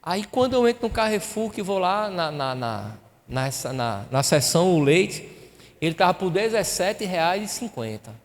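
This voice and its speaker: High-voiced pastor preaching. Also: male voice, sing-song, normal speed. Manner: emotional storytelling, acting out dialogue. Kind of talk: sermon. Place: church hall. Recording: reverberant hall.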